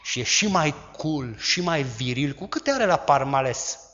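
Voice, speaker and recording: A man preaching a sermon, who acts out quoted voices loudly and dramatically. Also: a little high, expressive, muffled recording. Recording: long hall reverb.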